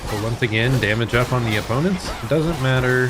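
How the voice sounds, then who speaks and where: A man's voice: medium pitch, fairly quick, low-quality recording. A man giving casual commentary as he plays a video game, like a streamer talking to himself and viewers. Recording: game music playing behind the voice. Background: game music.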